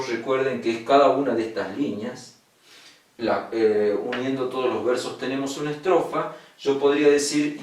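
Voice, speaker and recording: A man's voice: mid-range voice, recorded from a distance. A male secondary school teacher, patiently giving an online lesson on poetic meter, repeating key words and checking that his students follow. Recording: echoey room, voice from off-mic.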